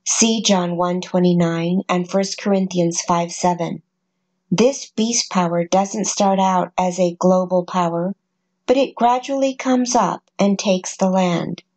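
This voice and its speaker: A woman narrates a scripted Bible study in a steady, measured voice. Her pitch sits in an ordinary middle range, and she lays out each numbered point and verse plainly and deliberately. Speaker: prophecy narrator.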